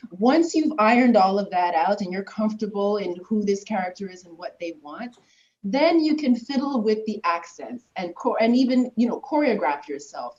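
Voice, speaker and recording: A woman's voice: medium pitch, dark tone. Earnest woman on muffled call audio. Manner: earnest, emphatic advice with many fillers. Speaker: panelist advising actors. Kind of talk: online panel discussion.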